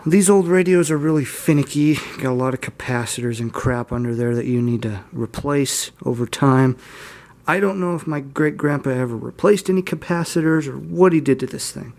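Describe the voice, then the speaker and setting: With a gravelly, mid-range voice at normal speed, a man hosts a hobbyist video and shows something hands-on. He's casual and informal, rambling slightly and self-deprecating. A steady mains hum, room noise, electrical hum, and faint static make up the background.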